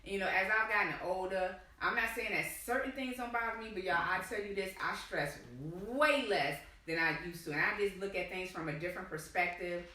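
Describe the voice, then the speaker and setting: A woman's voice: mid-range voice, a little fast, few pauses, bright, forceful tone, heavy reverb, distant mic, poor audio. A woman co-hosting a casual live-stream chat, talkative and calling her listeners y'all. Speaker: co-host.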